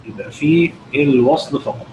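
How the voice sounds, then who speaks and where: A man's voice: mid-range voice, normal speed. A man with an Egyptian Arabic accent teaching Quran recitation rules, asking his students rhetorical questions and answering them himself. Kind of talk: explanatory lesson with chanted recitation examples. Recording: dull lo-fi recording with noticeable background noise.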